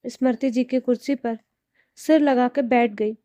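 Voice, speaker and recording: A woman narrating a scripted family story in a steady, measured way and closing by addressing her viewers. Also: on the high side, no echo, dull audio.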